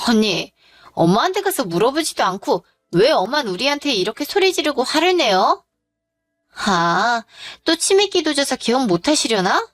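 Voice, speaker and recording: A woman's voice: high-pitched, sing-song, moderate pace, a bit bright. A woman voicing a rude, arrogant young sister-in-law who talks with sneering contempt.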